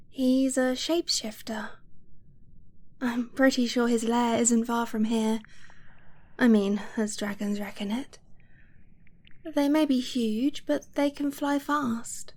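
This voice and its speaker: A woman performs an ASMR romance roleplay as a loving, earnest girlfriend with dragon blood, her fairly high voice soft, halting and often sinking to a whisper. The acting is heavy, and the mood is tender and hesitant.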